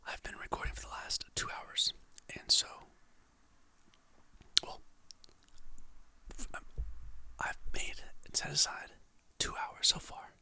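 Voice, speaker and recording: ASMR host who whispers throughout, crisp bright breathy tone, soft and encouraging. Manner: soft, relaxed, slow-paced, encouraging. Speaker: ASMR creator. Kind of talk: ASMR whispering, reading calming quotes.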